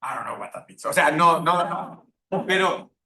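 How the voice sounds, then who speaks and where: A man's voice: unhurried, bright, forceful tone. A man giving a classroom lecture, engaging the class and checking in with tag questions. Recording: echoey classroom with faint rumble.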